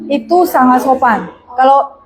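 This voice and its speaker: A woman teaching Mandarin in an online class, patiently explaining and modeling polite phrases slowly. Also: sits high, lively intonation, crowd noise, low-quality recording. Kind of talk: online language lesson.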